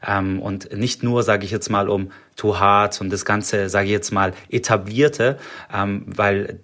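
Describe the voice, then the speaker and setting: Young guy from stuttgart, bit swabian, low voice, lots of ähs and restarts, just chatting. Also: steady tone, measured pace, fairly bright tone. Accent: slight Swabian. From Stuttgart, Germany. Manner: rambling, many filler sounds and restarts. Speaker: startup co-founder, podcast guest. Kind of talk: casual interview talk.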